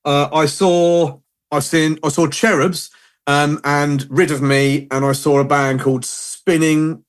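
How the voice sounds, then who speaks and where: A man's voice: fairly high pitch, little pitch movement, measured pace. A man, hosting a podcast and telling rambling, chatty anecdotes in casual conversation. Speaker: podcast host. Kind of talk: casual chat.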